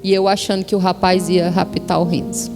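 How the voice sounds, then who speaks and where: A Brazilian woman giving a sermon testimony, telling her story with lively acted-out dialogue. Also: fairly low pitch, a little fast. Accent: Brazilian Portuguese. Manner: animated storytelling, acting out dialogue. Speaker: pastor's wife preaching. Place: church hall with worship music behind. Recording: long hall reverb, music underneath.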